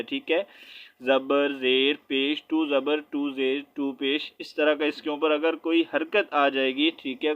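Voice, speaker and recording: A man with a Pakistani accent teaching Quran reading, spelling out letters and vowel marks slowly and asking checking questions as he goes. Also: a little high, lo-fi sound.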